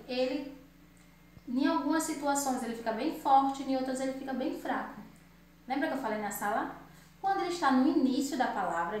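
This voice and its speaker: A woman teaching grammar to children, sounding out words slowly and firmly. Her voice sits fairly high. She is recorded far from the mic in a very echoey room with faint background noise. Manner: slow, emphatic word-by-word drilling. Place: room at home.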